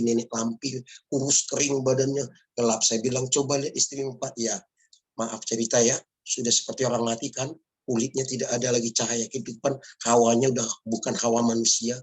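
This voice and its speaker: A man's voice: medium pitch, slightly rough, poor audio. A male pastor giving a storytelling sermon, often addressing listeners as "my brothers and sisters".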